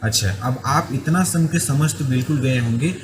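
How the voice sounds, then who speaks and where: A man's voice: mid-range voice, normal speed, background noise. Man teaching a textbook lesson. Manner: reads passages then explains words, with frequent checks.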